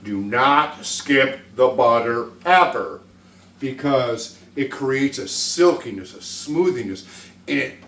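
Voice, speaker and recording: A man's voice: mid-range voice, animated, slow, a bit bright. Roomy, distant-miked man hosting a folksy cooking demo. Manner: folksy, joking, profane. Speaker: cooking show host. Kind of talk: casual cooking demonstration. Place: indoor kitchen. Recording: roomy, distant mic, faint kitchen noise.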